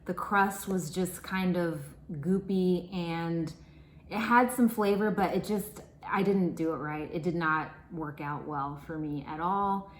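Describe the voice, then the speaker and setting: Woman, casual cooking vlog, low voice, unhurried, echoey kitchen, faint background hum. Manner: self-deprecating, chatty, talks while eating. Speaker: vlogger cooking at home. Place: home kitchen.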